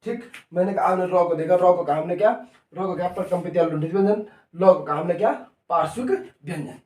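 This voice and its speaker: Male tutor, high voice, repetitive call-and-response drilling; distant mic in a roomy classroom. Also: quick pace, a little mellow. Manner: call-and-response drilling, repeats each answer. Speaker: teacher. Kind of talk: classroom lesson. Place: coaching classroom. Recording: echoey room, mic far off.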